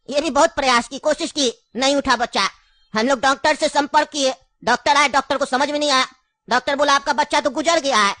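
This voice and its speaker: A woman's voice: sits high, sharp tone, no echo, clean studio sound. A woman voicing an elderly grandfather in a cartoon, cunning and grieving, with an insistent, coaxing way of talking. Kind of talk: cartoon voice acting.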